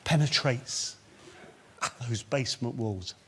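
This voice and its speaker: A man's voice: medium pitch, slow, a little hiss or hum. A man on a comedy panel show, telling crude jokes in a mock-sentimental way. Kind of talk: stand-up banter on a TV panel show. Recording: TV broadcast with loud studio audience laughter.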